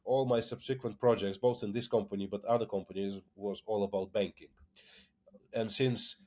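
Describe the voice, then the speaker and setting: Low-voiced man from Lithuania, halting. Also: warm tone. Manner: hesitant, many fillers and repeated words. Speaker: tech company founder, guest. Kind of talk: casual interview conversation.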